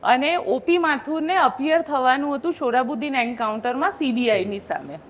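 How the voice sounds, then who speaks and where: High-voiced woman telling reporting stories. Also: brisk, slight background noise. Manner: animated storyteller, acts out quotes. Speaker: journalist. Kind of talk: casual panel storytelling.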